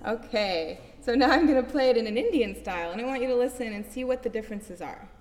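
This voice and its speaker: A woman's voice: on the high side, lively intonation, fast, darkish tone. Encouraging woman teaching a music class. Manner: encouraging, asks the class questions. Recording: reverberant hall. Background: instrument music.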